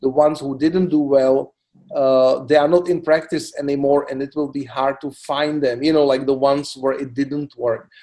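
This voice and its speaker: A middle-aged man from the Republic, a cancer doctor answering interview questions in a halting way, full of "you know" fillers. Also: medium pitch, fairly even intonation, mellow. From Czech Republic. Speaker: oncologist guest. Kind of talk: expert interview.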